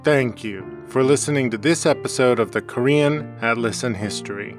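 A man hosting a homemade podcast, reading a scripted lesson in a measured, explanatory way. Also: mid-range voice, over music. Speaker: podcast host. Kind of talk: scripted educational narration. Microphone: close home mic.

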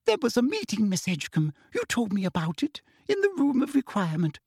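Sugary, menacing middle-aged official voiced by a reader, lilting high and low, slightly husky, dry close sound. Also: wildly swooping pitch, brisk, a little mellow, no echo, exaggerated voice. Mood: furious. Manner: coaxing with falsely sweet "dear". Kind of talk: audiobook character reading.

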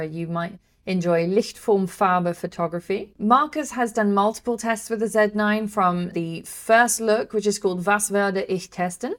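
A woman co-hosting a photography podcast, reading news items and recommendations in a cheerful, polite way. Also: mid-range voice. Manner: cheerful, polite, laughs easily. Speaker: podcast co-host. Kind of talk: casual news chat.

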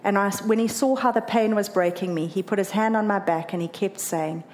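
With a mid-range voice at a fairly brisk clip, the South African-accented woman keeps telling her marathon story in earnest. She's emotional, and her delivery perks up when she quotes someone.

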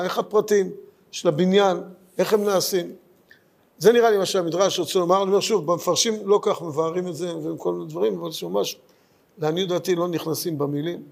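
Man teaching, high gravelly voice. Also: darkish tone. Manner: thoughtful, searching for words, speaks in short phrases. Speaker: Torah teacher. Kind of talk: Midrash study lesson.

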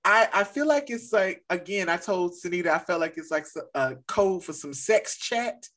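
A woman's voice: lowish voice, lively intonation, normal speed, a bit bright. A woman co-hosting a casual chat podcast, rambling and riffing with laughter. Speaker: podcast co-host.

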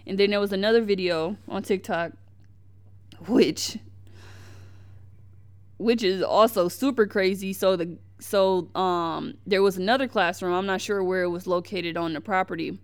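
A young woman talks through the week's news in a casual, heated way, full of slang and restarts. Her voice is smooth and clear, pitched in a middle range for a woman. She hosts the podcast herself. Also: normal speed. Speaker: podcast host.

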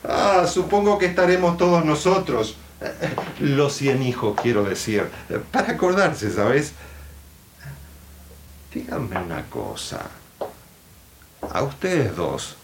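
Irreverent, sneering son, radio drama; slow sarcastic drawl, animated intonation, roomy hissy stage sound. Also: male voice, mid-range voice. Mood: sardonic. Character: bitter, mocking, irreverent illegitimate son. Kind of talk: theatrical radio drama acting.

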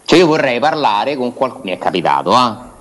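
Male sports commentator, Roman accent, mid-range voice, insistent and halting in live debate. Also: medium pitch, sing-song, a bit bright.

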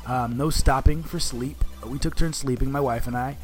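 A man's voice: medium pitch, fairly even intonation, moderate pace, faint music behind. A man co-hosting a podcast in casual, enthusiastic chat, talking like he is with a buddy. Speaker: podcast co-host.

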